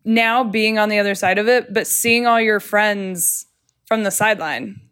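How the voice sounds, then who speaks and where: A woman's voice: mid-range voice, normal speed, a bit bright. A woman hosting an interview, asking casual, friendly questions with a teasing edge. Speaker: podcast interviewer.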